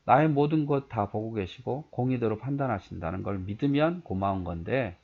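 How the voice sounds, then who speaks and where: Gravelly-voiced man teaching scripture. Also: medium pitch, moderate pace. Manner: conversational, asks listeners rhetorical questions. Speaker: pastor. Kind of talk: Bible teaching, reading and explaining verses. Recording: dull lo-fi recording.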